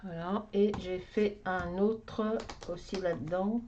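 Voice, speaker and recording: A woman's voice: medium pitch, fairly even intonation, takes it slowly, a little mellow, muffled recording, a little hiss or hum. A woman giving a casual show-and-tell of her coloring books, rambling and talking to herself as she searches for things. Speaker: craft vlogger.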